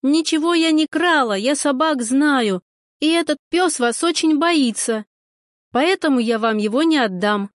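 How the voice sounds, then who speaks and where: Женщина-чтец озвучивает упрямую девушку, которая огрызается и возмущается. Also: female voice, high voice, expressive, unhurried, no echo, clean studio sound, pitched above the performer's own voice. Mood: defiant. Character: stubborn young woman, defiant and snappy.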